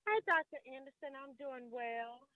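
A woman's voice: high-pitched, moderate pace, no echo. A middle-aged woman calling in to a radio show over the phone, speaking earnestly and hesitantly with frequent ums. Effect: heard over a phone line. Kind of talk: call-in conversation. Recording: tinny phone line.

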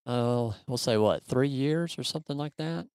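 A man hosting an interview, relaxed and chatty, filling his sentences with ums. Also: mid-range voice, normal speed, clear, resonant tone, dry recording, clean studio sound. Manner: relaxed, filler-heavy with frequent ums. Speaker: podcast host. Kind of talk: casual interview.

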